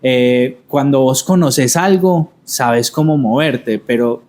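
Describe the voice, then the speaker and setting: A man who hosts a podcast and talks reflectively, pausing and repeating words as he searches for them. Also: medium pitch, a little mellow. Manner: thoughtful, halting, repeats words while searching. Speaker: podcast host. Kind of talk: reflective conversation.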